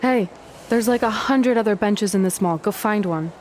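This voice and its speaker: A woman's voice: medium pitch, moderate pace, darkish tone, a little hiss or hum, lightly acted. An actress playing a blunt, sarcastic young female wrestler in a video game, dry and matter-of-fact.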